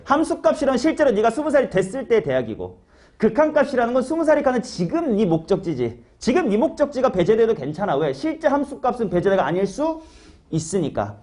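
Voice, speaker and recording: Here a math teacher, male, lectures his class in a high voice that swings widely, fairly quick, very animated yet a little mellow. He chats in loose slang and keeps directing questions at students, naming them.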